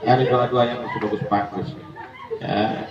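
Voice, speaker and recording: A man giving a humorous condolence sermon, acting out voices with high squeals and laughing often. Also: flat delivery, normal speed, heavy background noise. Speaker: preacher at a memorial gathering. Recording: echoey hall, distant, muffled mic.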